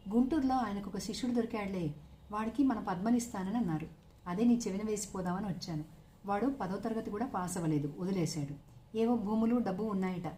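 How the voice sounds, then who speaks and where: A woman voicing an irritable middle-aged man, a brother who scolds and complains loudly. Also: mid-range voice, fairly quick, slight background noise, lightly acted. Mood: reporting.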